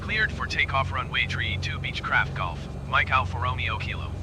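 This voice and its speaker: A man's voice: mid-range voice, background noise. A man playing a pilot, reading clipped radio calls over a cockpit headset. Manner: clipped, measured readbacks. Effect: pilot radio call over cockpit headset. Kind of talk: radio phraseology. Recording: muffled headset mic over loud engine drone.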